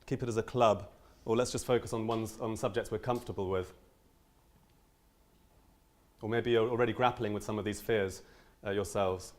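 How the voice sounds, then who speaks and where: A young man, a language teacher, giving an earnest, animated conference talk with frequent ums and restarts. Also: fairly low pitch, moderate pace, pauses often.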